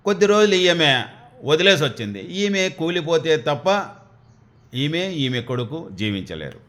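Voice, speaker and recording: A man, telling a devotional story in a folksy, animated way. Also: on the high side, measured pace. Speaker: spiritual storyteller.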